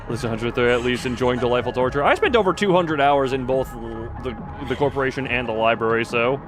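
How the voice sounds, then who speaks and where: A man with a medium-pitched voice talks at a quick pace while hosting a game livestream. He reads the story text aloud and chats and comments along the way, with game music in the background.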